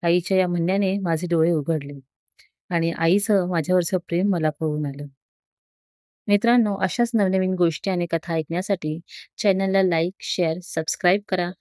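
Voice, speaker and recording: A woman narrating a story in a calm, even storytelling delivery. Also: lowish voice, moderate pace, no echo, studio quality.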